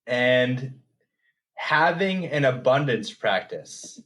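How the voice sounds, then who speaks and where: A man in his thirties co-hosts a podcast in relaxed chat. He talks slowly and hesitantly, leaning on fillers and repeated words as he lines up his points. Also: mid-range voice. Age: 30s. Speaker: podcast co-host. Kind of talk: casual chat.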